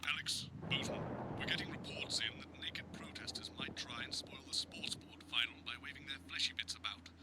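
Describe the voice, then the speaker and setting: An actor playing a bossy, exasperated British broadcast superior giving orders. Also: male voice, mid-range voice, steady tone, moderate pace, very noisy, lightly acted. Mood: exasperated, hushed. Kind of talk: comedy game acting.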